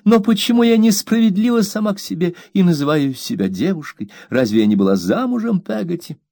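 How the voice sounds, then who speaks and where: A man's voice: high voice, very animated, a little fast, vocal fry, mellow, no echo, studio quality, voice pushed up, exaggerated voice. A man voicing a tearful young mother who pleads and reproaches her servant, in an audiobook reading.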